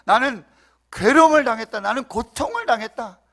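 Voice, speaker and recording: Man putting on a grieving old widow, bitter, lamenting, raised and rising pitch. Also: lively intonation, fairly quick, bright, forceful tone, full character voice. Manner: lamenting, declaring each grief in turn. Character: grieving bitter older woman, widow returning home.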